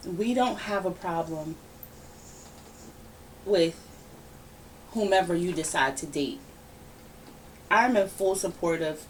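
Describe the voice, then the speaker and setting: A woman hosting a casual podcast, giving her opinions in a lively, ranting, conversational way. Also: fairly low pitch. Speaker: podcast host. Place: home room, relaxed podcast setting. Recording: somewhat distant mic with faint background noise.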